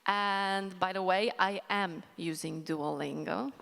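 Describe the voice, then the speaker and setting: A woman from Poland, asking a question from the floor, friendly and giggly, in slightly halting English. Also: mid-range voice, creaky, fairly bright tone. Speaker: audience questioner. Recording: reverberant conference hall.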